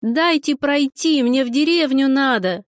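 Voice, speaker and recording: Женщина-чтец озвучивает упрямую девушку, которая огрызается и возмущается. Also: female voice, high voice, lively intonation, measured pace, no room sound, clean studio sound. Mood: defiant. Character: stubborn young woman, defiant and snappy.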